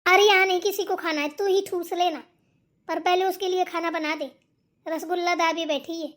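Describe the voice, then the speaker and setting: A woman's voice: very high-pitched, steady tone, moderate pace, a bit bright. A woman voicing a bossy, scolding older mother-in-law in a cartoon. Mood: nagging. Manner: nagging, scolding. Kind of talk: cartoon voice acting.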